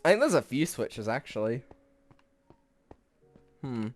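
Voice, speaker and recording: A man's voice: medium pitch, very animated, a little slow, a little hiss or hum. A young man giving casual live commentary on his gameplay, rambling and swearing, a bit out of breath. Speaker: streamer.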